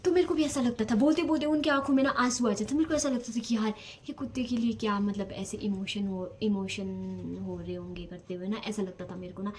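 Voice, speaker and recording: A young woman vlogging, telling a personal story in a casual, rambling way, repeating words and drifting between soft and loud. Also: mid-range voice, brisk, hardly any pauses, slight background noise.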